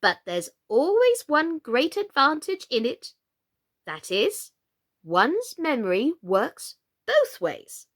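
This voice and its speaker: A woman's voice: high-pitched, huge pitch swings, slow, a bit bright, pitched above the performer's own voice, full character voice. A woman voicing a flustered, helpless, melancholy storybook queen who groans, sighs and speaks emphatically. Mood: careless, airy. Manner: groaning, sighing, dotty, emphatic delivery.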